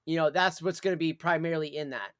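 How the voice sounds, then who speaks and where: A man's voice: on the high side, fairly even intonation, fast, a bit bright, dry recording, studio quality. A man chatting casually on a livestream in a rambling, repetitive way, with some swearing. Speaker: live streamer.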